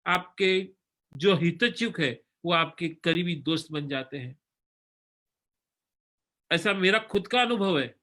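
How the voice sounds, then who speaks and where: A man giving a religious sermon, then slowly reciting a devotional hymn line by line for listeners to repeat. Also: fairly high pitch, bright, forceful tone. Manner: earnest, instructive, leads the chant slowly line by line. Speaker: spiritual teacher. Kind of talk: sermon and slow stotra recitation.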